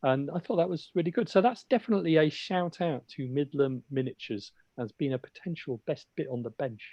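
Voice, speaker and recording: A man's voice: fairly high pitch, fairly quick, dark tone, dry recording, highs cut off. Teasing man hosting a podcast, dry sound. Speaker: podcast host. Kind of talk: casual podcast chat. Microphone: remote call mic.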